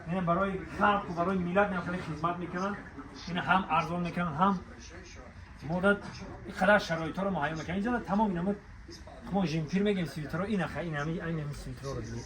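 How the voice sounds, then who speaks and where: Higher-voiced Tajik man hawking like a bazaar merchant. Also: poor audio. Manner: bazaar merchant's hawking, repetitive calls to come, look and buy. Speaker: shop promoter presenting clothing deals. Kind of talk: spontaneous sales patter on a shop walk-through. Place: inside a large clothing shop. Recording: busy crowd noise around the voice.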